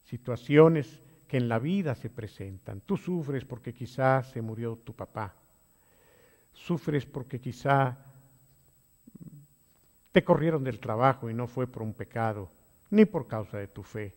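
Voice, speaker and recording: A man leading a Bible study as a pastor, swinging between quiet low phrases and loud emphatic exhortations. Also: expressive, measured pace, pauses often, long reverb tail. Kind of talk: sermon-style Bible study.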